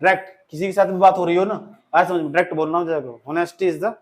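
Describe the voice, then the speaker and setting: A man's voice: high voice, fairly even intonation, racing, a little hiss or hum. A man with an Indian accent giving a classroom English lecture, switching between Hindi and English and acting out sample sentences. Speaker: English teacher.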